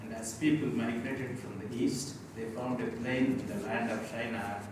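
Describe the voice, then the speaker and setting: A man reading a scripture passage aloud to a Bible study group, steady and even. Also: medium pitch, normal speed. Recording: distant mic in an echoey room, hissy.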